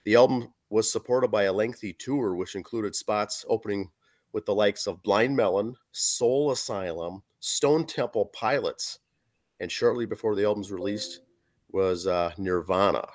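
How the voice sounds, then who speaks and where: Slightly slow and lowish, a hoarse voice comes from a man in his forties co-hosting a casual podcast by video call webcam in a small room at home. Reviewing an album, he reads facts and track lists from his notes, padding with fillers.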